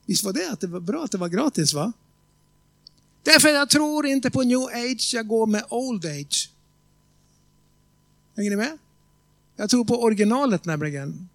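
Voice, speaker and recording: High-pitched guy preaching, chatty storyteller, keeps asking if you're following, dry close sound. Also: animated, gravelly, fairly bright tone, dry recording. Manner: conversational, often asks the congregation if they follow; tells stories with quoted voices and emphatic slow stresses. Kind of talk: sermon with storytelling.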